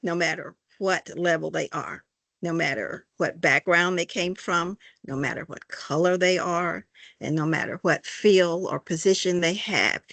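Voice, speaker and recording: An older woman from Arkansas, answering in a halting, folksy way with many fillers. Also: fairly low pitch, creaky, dry recording. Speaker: interviewee, church member. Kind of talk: casual conversation.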